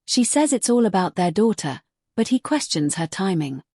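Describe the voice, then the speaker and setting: A woman's voice: mid-range voice, big pitch swings, normal speed, warm tone, no room sound, studio quality. A woman narrator reading a scripted, dramatic recap.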